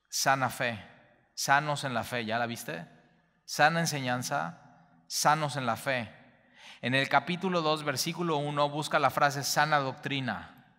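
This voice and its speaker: A man's voice: on the high side, a little slow, bright, forceful tone, long reverb tail. A man teaching a Bible study as a pastor, repeating key phrases emphatically with small stumbles. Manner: repetitive, emphatic, slight stumbles.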